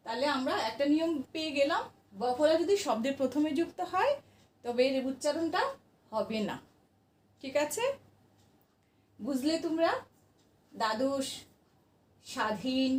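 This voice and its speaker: A woman's voice: sits high, echoey room, recorded from a distance. A woman teacher giving a grammar lesson to her class, patiently asking questions and answering them herself.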